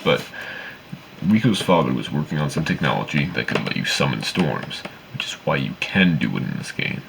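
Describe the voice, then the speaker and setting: A man's voice: rumbling low, very animated, normal speed, creaky, background noise. A man giving casual, opinionated game commentary in a rambling, sweary, complaining way. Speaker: video game reviewer.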